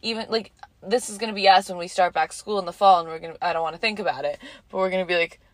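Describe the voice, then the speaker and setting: Lower-voiced young woman co-host, reflective. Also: rapid-fire, dry recording. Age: young adult. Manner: relaxed, reflective, filler-heavy. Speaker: podcast co-host. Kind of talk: casual chat. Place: quiet street.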